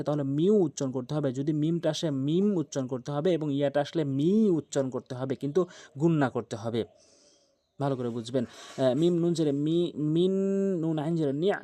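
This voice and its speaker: A man's voice: a little high, dark tone. Patient man teaching Quran pronunciation. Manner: patient, repeats points and urges attention, with frequent hesitation fillers; slow, drawn-out chanting when sounding out syllables. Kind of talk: tajweed lesson with spelled-out examples.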